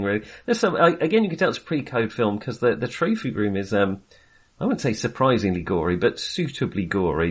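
With a lowish, slightly breathy voice, this man hosts a relaxed film podcast conversation. He talks hesitantly, cracking jokes and favoring dry understatement.

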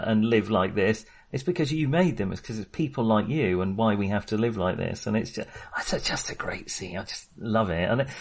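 A man with a lowish voice hosts a podcast about films, talking casually and enthusiastically while hesitating and rambling as he goes.

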